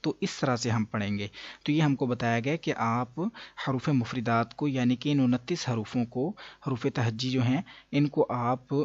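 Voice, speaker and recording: A man's voice: medium pitch, breathy edge, no echo, muffled recording. A man teaching a beginner Quran reading lesson, patiently explaining and drawing out each letter sound. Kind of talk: step-by-step recitation lesson.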